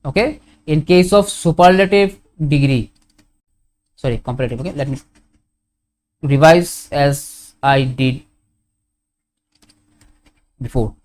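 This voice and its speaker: Teacher saying "okay" constantly. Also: male voice, on the high side, slow pace, pauses often, darkish tone. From India. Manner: fills with frequent "okay", corrects himself, asks and answers questions. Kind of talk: grammar lesson to students.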